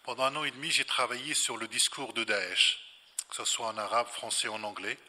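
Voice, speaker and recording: A man's voice: medium pitch, fairly even intonation, brisk, bright, forceful tone. A man speaking as an invited scholar at a public talk, explaining reflectively and didactically, repeating phrases for emphasis. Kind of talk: explanatory spontaneous lecture answer. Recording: reverberant hall.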